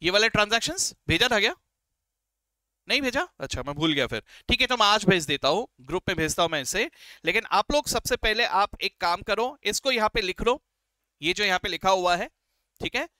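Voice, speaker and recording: This high-pitched, animated man talks briskly with a sharp tone on a dry recording. In a Hindi-English classroom lecture he walks beginners through accounting step by step, friendly and encouraging, addressing students as "beta" and "sir" and constantly asking "right?" and "okay?".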